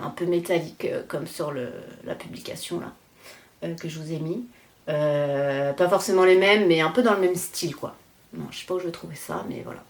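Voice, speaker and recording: A woman from France in her thirties chatting casually on her knitting podcast, rambling with many fillers and self-deprecating asides. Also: lowish voice. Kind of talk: casual chat.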